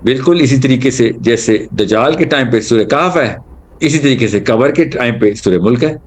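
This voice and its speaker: A man giving an animated religious talk, telling stories and mixing in English terms. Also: medium pitch. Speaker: Islamic speaker.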